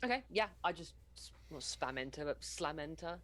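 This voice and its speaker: A woman plays in a tabletop spy game. Her voice is fairly low, and she speaks hesitantly, working out her actions aloud. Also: animated, moderate pace, a bit bright. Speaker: player. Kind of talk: casual tabletop play.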